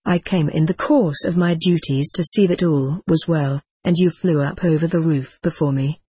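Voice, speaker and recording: A man's voice: a little high, fairly even intonation, moderate pace, breathy edge, no room sound. A man voicing a kindly old lama who speaks soothingly, in a storybook reading. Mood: eager. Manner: soothing, gentle.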